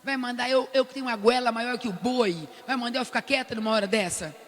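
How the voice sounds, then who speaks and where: An older woman with a Brazilian accent giving an animated testimony at a prayer meeting, acting out the lines she quotes. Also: on the high side, fast, in a large hall. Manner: animated storyteller who loudly acts out the quoted lines. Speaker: prayer group speaker. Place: large cathedral.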